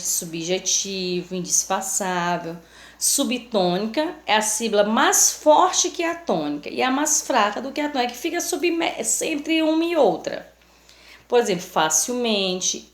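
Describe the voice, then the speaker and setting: Brazilian woman teacher, slow and careful, dictating examples in an echoey room. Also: medium pitch. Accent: Brazilian Portuguese. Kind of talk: recorded lesson.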